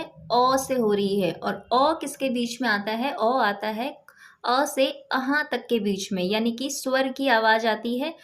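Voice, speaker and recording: A woman teaching a grammar lesson, patiently asking questions and answering them herself step by step. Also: high voice. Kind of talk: explaining English grammar lesson.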